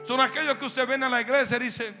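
A man preaching a sermon in a church hall, impassioned, with repetitive cadences that swell into shouting. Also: very high-pitched, steady tone, quick pace. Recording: reverberant hall with music behind.

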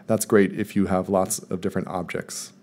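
A man calmly walking viewers step by step through a screen-recorded software tutorial, in voice-over. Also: sits low, normal speed. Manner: calm step-by-step explaining. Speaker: math teacher presenting a tutorial. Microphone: voice-over recorded over screen capture.

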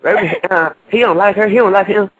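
A man's voice: high voice, fairly quick, fairly bright tone, husky, dry recording. A man in casual chat. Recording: muffled line, overlapping chatter.

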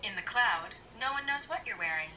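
A synthetic female voice assistant with a too smooth android sound, answering in polished, even replies from a phone. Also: medium pitch, brisk, poor audio. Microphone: played from a phone speaker.

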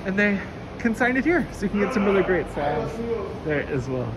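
A woman's voice: medium pitch, very animated, normal speed, crowd noise. Chatty woman giving a warehouse tour. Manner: chatty, enthusiastic, many fillers. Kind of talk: casual walking tour. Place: large indoor warehouse. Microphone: handheld phone camera, walking. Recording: noisy warehouse ambience.

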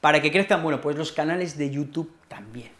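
A man with a Spain accent giving an online Spanish lesson. His voice sits notably high, and he explains in a chatty, playful way. He keeps checking in with tag questions. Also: brisk, fairly bright tone. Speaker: Spanish teacher.

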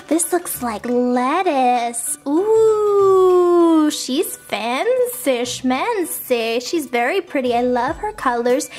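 A woman hosting a toy unboxing, gushing and cooing as she opens each little figure. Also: sits high. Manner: gushing, cooing over tiny toys. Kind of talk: excited toy unboxing chat.

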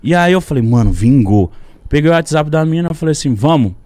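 A young man tells a story on a podcast in an animated, slangy way, swearing freely. His voice sits fairly high and swings widely in pitch. The sound is dry and close to the mic. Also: quick pace, dry recording. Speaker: podcast guest. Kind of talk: casual storytelling. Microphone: studio podcast mic.

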